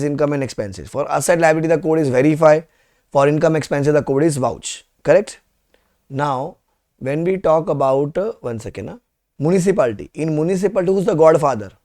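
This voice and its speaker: A man's voice: fairly high pitch, a little fast, darkish tone. Indian man teaching, repeating for emphasis. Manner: repeats questions and phrases for emphasis. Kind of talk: live classroom lecture with quiz questions.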